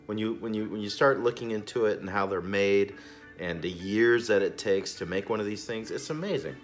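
A cigar channel host in his forties speaks fairly quickly in a voice on the low side, with faint music in the background. Sitting indoors in a small box-filled storage room, he gestures broadly through an emphatic, indignant, casual rant.

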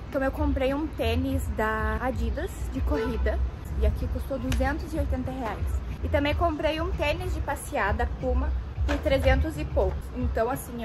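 A woman's voice: high voice, background noise. A young woman from Brazil, chatting upbeat to her viewers in a travel vlog filmed outdoors on a phone held at arm's length. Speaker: travel vlogger. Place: outdoors, city streets and snowy mountains.

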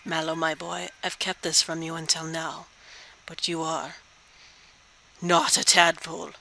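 A woman's voice: deep voice, completely flat delivery, vocal fry, sharp tone, a little hiss or hum, full character voice, poor audio. Woman playing a solemn old male frog sage. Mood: grave, patient. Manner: measured, formal, sage-like phrasing with tag questions. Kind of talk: video game dialogue read aloud.

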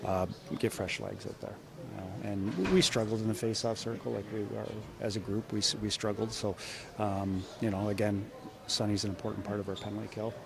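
Low-voiced coach at a press scrum. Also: male voice, vocal fry, crowd noise. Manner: measured, frequent restarts and repeated words. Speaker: head coach. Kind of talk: postgame press conference. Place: indoor media room before a sponsor backdrop. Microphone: cluster of handheld reporter mics.

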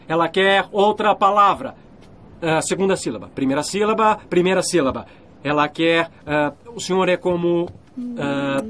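A man dubbing an earnest young groom in a film, guessing quickly and excitedly. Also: high-pitched. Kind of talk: dubbed film acting.

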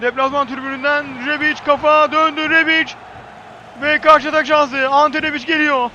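Guy doing live football commentary, really high voice, excitable screamer, loud noise behind him. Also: moderate pace, highs cut off. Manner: excitable, screams player names at big moments.

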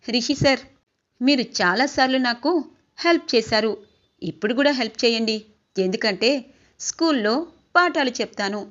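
A woman voicing a kind, caring young woman teacher who speaks gently and reasons politely. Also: fairly high pitch, lively intonation, normal speed, long pauses. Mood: earnest. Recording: dull lo-fi recording.

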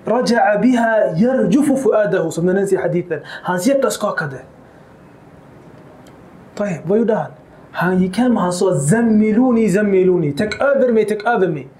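A man giving a religious lecture, animated and acting out quoted dialogue, with Arabic quotations mixed in. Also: sits high, reverberant. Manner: mixes Arabic quotations into Swedish. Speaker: Islamic lecturer. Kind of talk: lecture on the life of the Prophet.

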